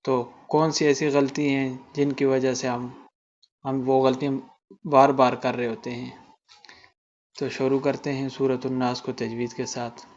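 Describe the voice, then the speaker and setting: A man with a Pakistani Urdu accent teaching Quran recitation rules, explaining quickly and then chanting verses slowly and melodically. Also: mid-range voice, a little mellow, dull audio. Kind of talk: tajweed lesson with slow recitation.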